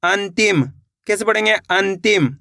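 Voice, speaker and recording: Here a high-pitched male teacher delivers flatly at a measured pace, his gravelly voice bright and forceful, captured in studio quality without room sound. Greeting viewers as friends and cheering them on, he walks through Hindi reading slowly, breaking each word into syllables and saying it again.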